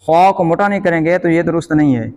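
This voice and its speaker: A man with a Pakistani Urdu accent teaching Quran reading in a slow, patient lesson, repeating each letter sound loudly. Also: fairly high pitch, big-room sound.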